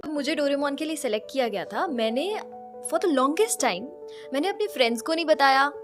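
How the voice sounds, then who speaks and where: A young adult woman hosting a casual interview, friendly and quick to agree, mixing English phrases into her talk. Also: high-pitched, lively intonation, over music. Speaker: podcast host and voice actor.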